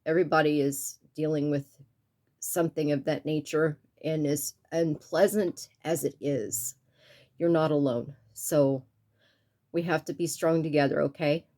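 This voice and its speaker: A woman talking to her viewers in a personal vlog, earnest and soft-spoken, with stuffy sinuses and a tearful edge, pausing and restarting often. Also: low-pitched, steady tone. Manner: halting, with many pauses and restarts. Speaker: YouTube art channel creator.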